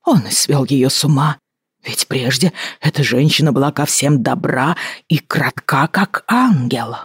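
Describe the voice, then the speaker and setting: A reader voicing a sorrowful male reverend who sighs out his words slowly. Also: mid-range voice, animated, slightly rough, dry recording, studio quality, full character voice. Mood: mournful.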